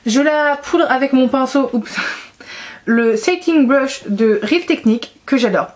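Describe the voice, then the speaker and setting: Brief: young female beauty vlogger, gushing and chatty, voice a bit higher than most. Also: measured pace, a little mellow. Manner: chatty and enthusiastic, many fillers. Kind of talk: casual product review.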